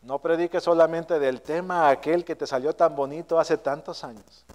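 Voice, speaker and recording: A man's voice: fairly even intonation, normal speed. Earnest preaching man, church hall echo. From Mexico. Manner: earnest, self-correcting preaching, voice dropping low and soft at line ends. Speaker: pastor. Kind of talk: sermon. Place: church sanctuary. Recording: long hall reverb.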